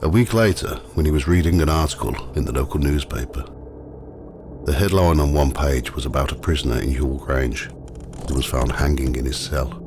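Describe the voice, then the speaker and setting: Very deep-voiced man narrating a ghost tour. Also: normal speed. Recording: clearly noisy, ambient sound behind.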